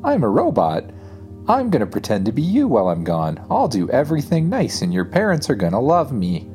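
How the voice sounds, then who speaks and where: A man's voice: mid-range voice, wildly swooping pitch, a little fast, darkish tone, faint music behind, voice pushed up. A man voicing a chirpy robot clone of a child in a children's story, in blunt, simple statements. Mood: cheerful, blunt.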